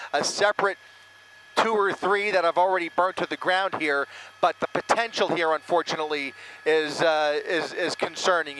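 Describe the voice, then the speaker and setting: A man's voice: high voice, a bit bright, a little hiss or hum, poor audio. Urgent male field reporter outdoors. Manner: urgent, descriptive, occasional hesitations. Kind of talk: live breaking news report. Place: outdoors near a burning neighborhood.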